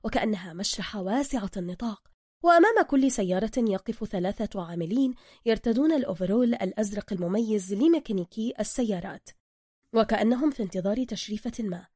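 Brisk woman reading a story. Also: medium pitch, animated, darkish tone, husky, no room sound, studio quality. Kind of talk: scripted story narration.

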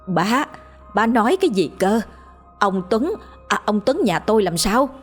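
A woman's voice: mid-range voice, expressive, measured pace, faint music behind. A woman voicing a distraught elderly village widow who cries out in disbelief. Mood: wailing.

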